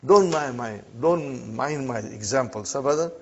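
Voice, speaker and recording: Measured and medium-pitched, this man's voice carries a slight hiss or hum. He's a non-native Arabic speaker teaching a class, often pausing to check in with "huh?" or "okay?". The lesson was recorded in a dull, lo-fi classroom.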